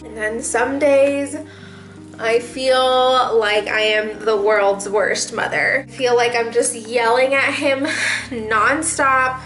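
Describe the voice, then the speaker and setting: Chatty young mom venting, bright voice. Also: female voice, fairly high pitch, fairly even intonation, slow pace, faint music behind, low-quality recording. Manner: chatty, rambling, laughs often, many fillers. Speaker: mom vlogger. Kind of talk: casual venting to camera.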